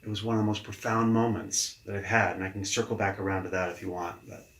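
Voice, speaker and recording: A man in his forties, a guest leadership coach, telling stories from his life in casual conversation with an animated, mildly profane manner. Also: sits low, quick pace. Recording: echoey room.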